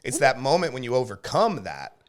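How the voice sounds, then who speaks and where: A man who hosts a podcast and reviews games chats casually in a mid-range, very animated voice at a slightly fast pace. He shares his opinions at length, emphatically explaining and checking in with small tag questions.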